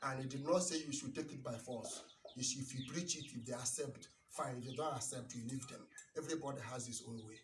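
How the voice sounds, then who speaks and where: A man giving an impassioned lecture-sermon, hammering rhetorical questions and swinging between loud bursts and low asides. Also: fast talker, a little hiss or hum. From Nigeria. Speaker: lecturer on religion and culture. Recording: roomy, distant mic, faint birdsong behind.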